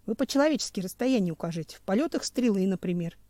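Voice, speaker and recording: A wry, grumbling geologist in an audiobook , read by a woman. Her voice is dark and mellow, recorded close and dry with no room around it. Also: medium pitch, lively intonation, quick pace, no echo, natural voice. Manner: grumbling, mildly sarcastic. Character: modern man, a geologist, wry and stubborn.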